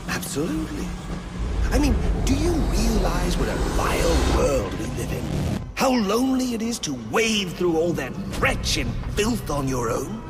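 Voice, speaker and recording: An actor playing a theatrical, deranged clown supervillain in a video game cutscene, manic and brooding by turns, with drawn-out, unpredictable phrasing. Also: male voice, high voice, huge pitch swings, over loud music, exaggerated voice. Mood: wistful, intense.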